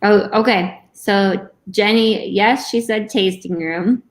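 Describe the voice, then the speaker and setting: A woman with a mid-range voice hosts a casual live-streamed bingo game. She talks at a slow pace, chatting informally to the players. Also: medium pitch, fairly even intonation. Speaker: co-host of a live online bingo event.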